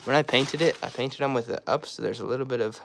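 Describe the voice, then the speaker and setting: A young man casually showing his cars in a rambling, offhand way, with a scratchy, hoarse voice. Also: mid-range voice, fast. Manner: rambling, loose and offhand, trails off mid-sentence. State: hoarse, throat-clearing, coughing. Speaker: car hobbyist showing his garage. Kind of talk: casual walkaround vlog.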